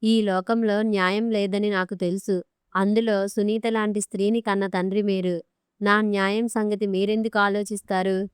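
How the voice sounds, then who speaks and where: A woman's voice: mid-range voice, little pitch movement, moderate pace, clear, resonant tone, dry recording, clean studio sound, lightly acted. A woman reading the lines of a wronged young wife in her twenties, tearful and accusing.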